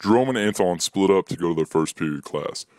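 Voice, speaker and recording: A man's voice: expressive, a little fast, darkish tone. A young man reading his own short story aloud, lifting his voice for the dialogue. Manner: plain reading, voices dialogue with higher pitch.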